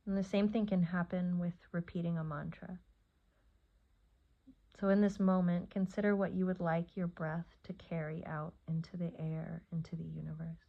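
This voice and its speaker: In slightly dull, muffled audio, a female meditation guide and yoga nidra teacher delivers soothing short phrases in a low, gravelly voice. Long pauses fall between her lines, and her delivery is flat.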